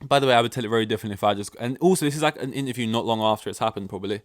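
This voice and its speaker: A man's voice: medium pitch, very fast, no echo, clean studio sound. A young man hosting a solo podcast from home, rambling offhandedly and swearing casually. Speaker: podcast host. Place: at home with his dog. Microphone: desk mic, plugged in.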